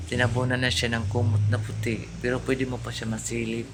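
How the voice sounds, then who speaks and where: A man's voice: medium pitch, completely flat delivery, fairly quick, noisy background. A man vlogging, telling a painful family story through grief, repeating himself and talking straight to his viewers. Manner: grieving, repeats himself, often addresses viewers as guys. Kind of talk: emotional personal storytelling vlog.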